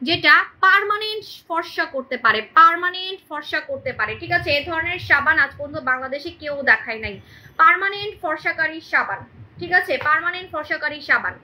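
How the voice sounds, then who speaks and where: A young woman hosts a live-stream sales pitch from home on her phone, repeating her points emphatically and checking in with "right?". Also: sharp tone. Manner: emphatic and repetitive, keeps asking "right?". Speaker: online shop host selling beauty products. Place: indoors in a room at home. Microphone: phone camera on a live stream.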